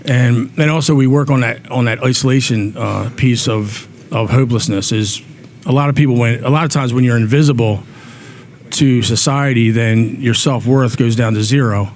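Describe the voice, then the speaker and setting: This man's voice is medium in pitch and slightly mellow, moving at a normal speed. Interviewed on a talk show, he speaks earnestly about community aid, frequently repeating words as he reasons aloud, with faint noise behind him.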